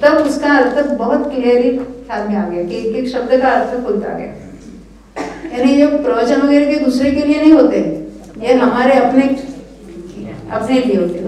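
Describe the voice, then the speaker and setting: A woman's voice: high-pitched, warm tone. An older woman giving an earnest, encouraging lecture at a religious study camp, often checking in with her listeners. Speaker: scripture teacher. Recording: echoey hall, voice from far off the mic.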